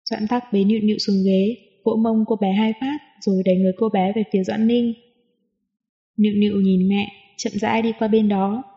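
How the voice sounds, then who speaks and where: Female audiobook narrator, even and smooth; dull lo-fi sound with long reverb. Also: medium pitch, fairly quick. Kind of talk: scripted narration.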